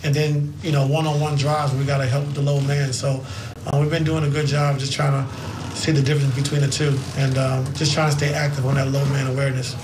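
A man's voice: mid-range voice, flat delivery, fairly quick. A man coach answering press questions, explaining tactics plainly. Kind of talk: postgame press conference. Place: press room with sponsor backdrop. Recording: echoey and noisy.

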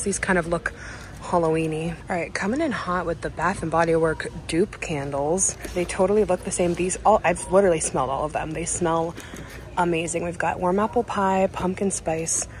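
A young woman talking excitedly to her viewers while filming herself shopping in a large store, gushing over items she finds. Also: fairly low pitch, noisy background. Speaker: lifestyle vlogger. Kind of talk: casual shop-with-me vlog. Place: large retail store, indoors. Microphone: handheld phone at arm's length. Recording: in-store background ambience.

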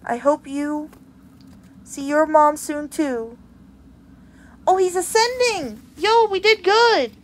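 A woman streaming a game live, reading the on-screen text aloud and reacting with excitement. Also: sits high, takes it slowly, long pauses. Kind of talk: live gameplay commentary. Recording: loud insect and cricket noise behind.

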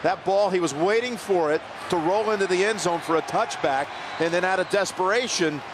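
Male football commentator, slightly high voice, emphatic, clear stadium noise behind. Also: fairly quick. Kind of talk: live sports commentary.

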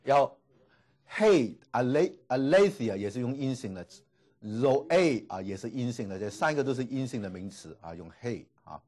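A man teaching a classroom lecture, repeating each word slowly and filling pauses with drawn-out particles. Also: mid-range voice, expressive, darkish tone. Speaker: Greek language teacher. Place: classroom with students.

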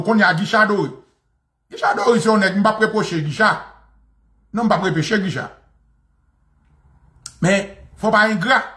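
A man with a Haitian accent, talking casually to his viewers and calling out to them by name. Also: high-pitched. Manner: animated, switching between Haitian Creole and French, calling out to viewers by name. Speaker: host of online talk show.

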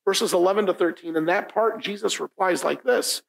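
Standing at a lectern in a church meeting room, a middle-aged pastor whose first language is Italian preaches a conversational sermon. His voice is high-pitched and gravelly at a moderate pace, and the audio is poor. He speaks informally, often asking "right?" and repeating key lines for emphasis.

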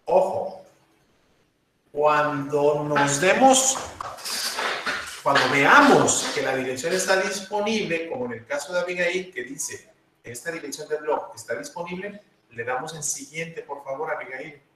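A man's voice: a little high, animated, unhurried, distant mic, noisy background. Male teacher, patient step-by-step delivery, very echoey room, a bit off-mic. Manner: patient, step-by-step, repeats instructions. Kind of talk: online class instruction.

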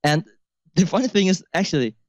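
A man's voice: sits high, lively intonation, a little fast, no echo, dull audio. A man co-hosting a podcast, telling stories in a casual discussion with an amused manner. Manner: amused storytelling, laughs mid-sentence. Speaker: podcast co-host.

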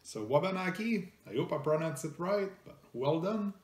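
A middle-aged man with a French Canadian accent, a native French speaker, reviewing a product in casual talk, halting with many fillers and restarts. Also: fairly high pitch, lively intonation, darkish tone. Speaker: food reviewer host. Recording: echoey room.

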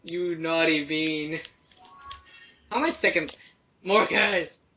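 Bright, teasing gamer who swears a lot. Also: medium pitch, takes it slowly, a little hiss or hum. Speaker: gamer in a group racing session. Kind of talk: casual game chat. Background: game music.

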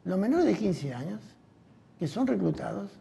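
A woman interviewed for a documentary, explaining a point in a measured way. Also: mid-range voice, very animated, gravelly, mellow. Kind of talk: explanatory commentary.

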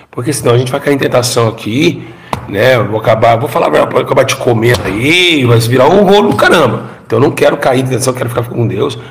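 A man's voice: mid-range voice, slight background noise. A middle-aged Brazilian man and former pastor gives an emotional testimony. He tells the story dramatically, repeats his phrases and has the audience repeat after him.

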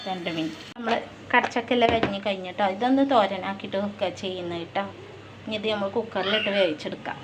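A woman narrates her cooking in a relaxed, chatty way, often checking in with her viewers. Her voice sits in an ordinary middle pitch. Loud clanking pots, dishes and stirring from her home kitchen fill the recording behind her. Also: fast talker, heavy background noise. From Malappuram, Kerala. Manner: chatty, keeps adding friendly tag questions to viewers. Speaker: home cooking vlogger and mother. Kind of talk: casual cooking vlog narration.

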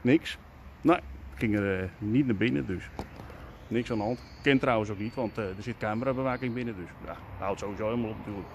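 A man in his forties, an urbex vlogger, muses aloud with lots of fillers while holding the camera at arm's length, riding a scooter outdoors and later heading home into an indoor stairwell. His voice is on the low side and fairly quick, with a little hiss or hum in this casual vlog commentary.

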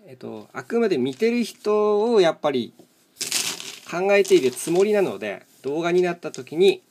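A man with a voice a little higher than most men's talks casually, like a host chatting over a solo game. He thinks aloud in short fragments and keeps a plain, matter-of-fact way of speaking. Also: sing-song, normal speed, darkish tone, a little hiss or hum. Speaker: host of a solo mahjong chat video and live streamer. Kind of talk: casual rambling commentary while playing tiles.

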